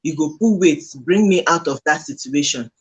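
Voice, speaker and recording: A man with a Nigerian accent and a husky voice, chatting casually in Nigerian Pidgin, telling examples in an animated way. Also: fairly high pitch, normal speed, rough recording.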